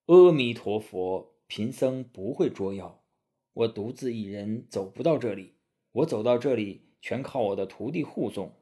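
A man voicing a gentle, timid Buddhist monk in a storybook tale, speaking softly and humbly. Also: lowish voice, lively intonation, a little slow, husky, pitched below the performer's own voice. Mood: humble. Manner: soft, humble and hesitant.

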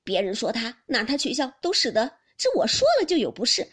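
Woman reading as a loud, blunt young noble girl, breathy, sarcastic, lots of pitch swing. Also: very animated, fast, full character voice. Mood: bitter. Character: forthright, hot-tempered young noblewoman.

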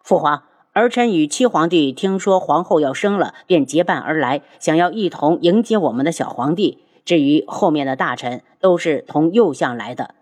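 A woman's voice: deep voice, expressive, normal speed, few pauses, darkish tone, no room sound, studio quality. A woman voicing a sly young prince who speaks with feigned sincerity.

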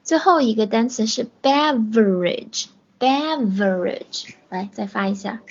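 A woman teaching an online English lesson, saying each English word slowly, repeating it, and praising her learners between items. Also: fairly high pitch, lively intonation, creaky, slightly rough. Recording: dull lo-fi audio.

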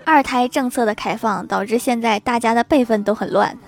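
A woman's voice: on the high side, fairly quick, background noise. A young woman telling funny short stories in a playful, self-mocking way, with laughing asides. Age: young adult. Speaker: comedy storyteller. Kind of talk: scripted joke narration. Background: faint background music.

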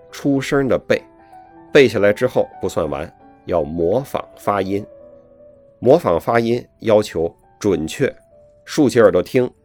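Chatty man a lilt. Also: fairly low pitch. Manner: chatty, folksy, adds friendly tag questions. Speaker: speaker giving language-learning advice. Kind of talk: scripted advice talk to young learners. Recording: soft piano music behind the voice.

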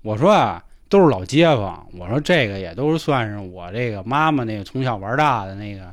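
A man's voice: fairly low pitch, brisk, no room sound, clean studio sound. A man with a Beijing accent, a podcast host telling a funny story in casual chat and acting out the people in it. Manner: animated, acts out the others in the story.

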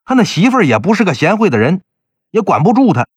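An earnest younger brother with a quick temper, voiced by a male storyteller. His voice swings widely in pitch and sounds dry and close. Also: sing-song, slightly rough, no room sound, heavily acted. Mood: indignant. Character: loyal younger brother, indignant and warm.

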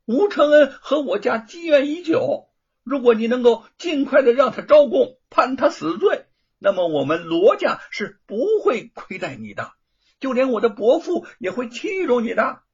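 Spoiled young lord demanding revenge, a man playing him, high raspy voice, dull lo-fi recording. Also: big pitch swings, moderate pace, heavily acted. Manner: loud, demanding, pushy. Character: arrogant vengeful young master, man.

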